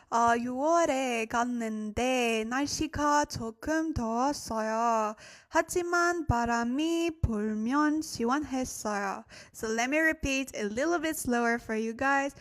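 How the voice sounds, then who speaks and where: Chatty higher-voiced woman teaching live. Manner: chatty, thinks aloud and corrects herself; addresses viewers directly, thanks new followers. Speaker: language teacher hosting a livestream. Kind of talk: casual livestream lesson.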